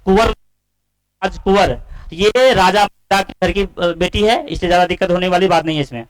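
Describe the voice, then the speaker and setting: High-voiced man teaching. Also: normal speed, low-quality recording. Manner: asks students questions and answers them himself, repeating key points. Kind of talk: classroom-style lesson explanation.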